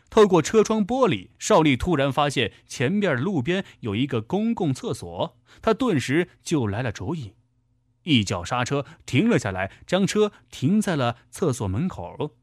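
A male storyteller narrating a dramatic tale with a vivid delivery. His pitch moves in a lively way, and the recording is close and dry. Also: unhurried, no echo.

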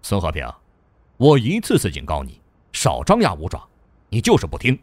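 A man voicing a stern, sarcastic male provincial governor who scolds in a sharp tone. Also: medium pitch, big pitch swings, fairly quick, no echo, pitched below the performer's own voice, lightly acted. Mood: scolding.

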